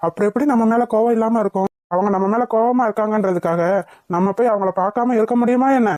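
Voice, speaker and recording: A woman's voice: on the high side, quick pace, warm tone, dry recording, close to an everyday voice. A woman voicing a young husband in a cartoon, who talks to his wife in a coaxing, reassuring way. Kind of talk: cartoon voice acting.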